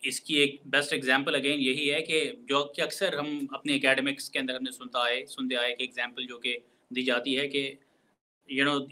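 Bright-voiced male lecturer. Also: medium pitch, rough recording. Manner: explanatory, mixes English phrases in, slows and stresses key words. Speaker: university lecturer. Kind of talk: recorded classroom lecture.

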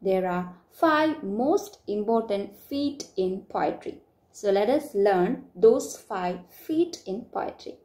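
A young woman teaching a lesson, explaining terms in a steady, methodical way with examples. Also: on the high side.

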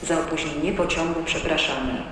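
A man's voice making a formal train station loudspeaker announcement in a measured, even delivery. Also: fairly high pitch, distant mic. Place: large train station platform. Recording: echoey station hall heard from afar. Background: loud train and station noise.

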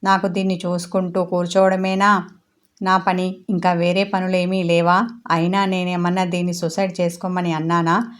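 A woman's voice: fairly low pitch, little pitch movement, normal speed, close to an everyday voice. A woman voicing an angry, egotistic young husband who rants resentfully at his friend in a storybook reading. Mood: bitter ranting. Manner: resentful, accusing rant.

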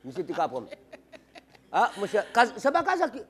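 A man's voice: high voice, wildly swooping pitch, moderate pace, fairly bright tone, slightly rough, full character voice. A man with a Haitian accent playing a rambling, repetitive debater in a comedy sketch, laughing as he talks. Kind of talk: improvised comic debate sketch.

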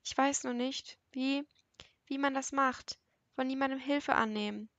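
A woman's voice: high-pitched, fairly even intonation, a little slow, a bit bright, no echo, highs cut off. A woman voicing a guarded, self-reliant young woman in an audiobook, speaking defensively and close to tears. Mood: vulnerable. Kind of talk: audiobook character reading.

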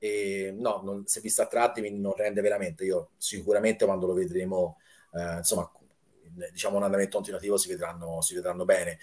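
A man's voice: low voice, flat delivery, brisk, darkish tone. Chatty man on a video call. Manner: talkative, enthusiastic, often restarts words. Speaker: fan film maker, guest. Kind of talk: casual live-stream interview.

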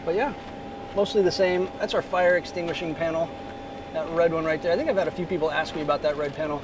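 An easygoing corporate pilot vlogger gives a casual walkthrough of a small jet cockpit parked outdoors, speaking fast in a slightly high voice with fairly even intonation and lots of "uh" fillers. He's filmed on a phone or camera at arm's length, with noisy airport sound around him.

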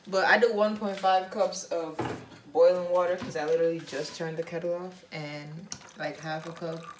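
A woman's voice: lowish voice, steady tone, normal speed, slight background noise. A woman giving a casual cooking demonstration in her home kitchen, chatting offhand while she measures. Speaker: cooking vlogger. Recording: loud kitchen clatter of dishes and utensils.

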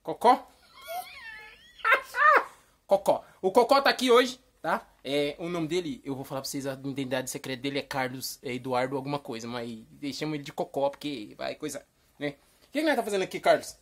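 A woman hosting a playful comedy vlog, rambling and teasing, with sudden mock shouts. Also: a bass voice, expressive, fairly quick. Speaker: vlog host.

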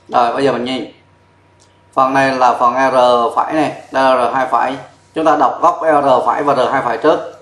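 Male chemistry teacher, mid-pitched, patient step-by-step board explainer, echoey room. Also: a bit bright. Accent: Vietnamese. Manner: explains step by step, spells out formulas letter by letter. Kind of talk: whiteboard chemistry lesson. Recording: echoey classroom sound.

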